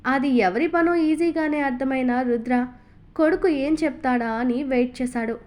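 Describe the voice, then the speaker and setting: A woman narrating a novel in a steady, smooth storytelling voice. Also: sits high, moderate pace. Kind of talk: scripted audiobook narration.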